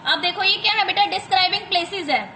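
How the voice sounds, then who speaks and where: An Indian woman teacher going through a textbook exercise, reading English lines slowly, then explaining quickly and coaxingly to a child. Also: extremely high pitch, bright, forceful tone, a little hiss or hum. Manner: mixes Hindi and English, slow when reading English aloud, quick when explaining; addresses the listener as a child, coaxing.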